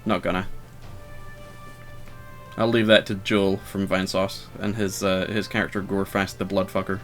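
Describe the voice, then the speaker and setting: A man talks through a video game in a loose, meandering way, stopping often for ums and uhs. His voice sits on the lower side, and he pokes fun at his own play. Faint game music runs behind him. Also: level tone, moderate pace. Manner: rambling, hesitant, lots of fillers; self-deprecating and wry. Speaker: let's player. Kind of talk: casual gameplay commentary.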